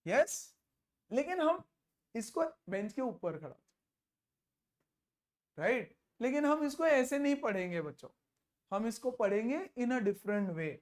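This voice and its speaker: Man, teacher, physics lesson, slow deliberate delivery, repeats key terms, playful. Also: extremely high pitch, big pitch swings. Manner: mixes Hindi with English terms, repeats key words slowly; playful, acts out imagined exchanges.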